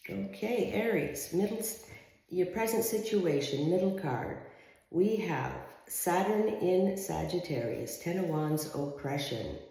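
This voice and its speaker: A woman's voice: low voice, dark tone. A woman giving a casual, conversational tarot reading in an empty house, with big hall echo around her voice. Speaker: tarot reader.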